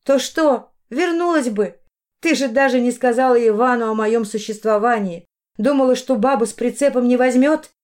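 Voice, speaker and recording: A woman voicing a tired, bitter young woman who speaks quietly and coldly. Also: fairly high pitch, normal speed, lightly acted. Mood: weary.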